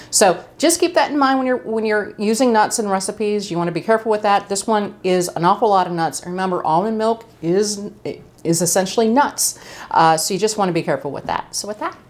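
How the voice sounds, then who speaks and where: Middle-aged woman, lowish voice, chatty cooking host with a casual, friendly home-kitchen delivery. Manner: chatty, friendly, with fillers and asides.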